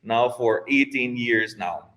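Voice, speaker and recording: A man's voice: mid-range voice, slow pace, fairly bright tone. A man from Costa Rica with a Costa Rican Spanish accent, a guest answering interview questions in a hesitant way, often restarting and repeating words. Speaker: guest, IT program head. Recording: roomy, echoey sound.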